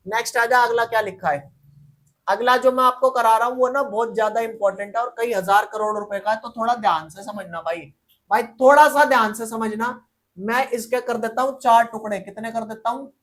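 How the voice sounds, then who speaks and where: A man's voice: very high voice, fairly quick, a bit bright. A male teacher giving a casual chemistry lecture, quizzing the class over and over and answering himself in a slangy, teasing way.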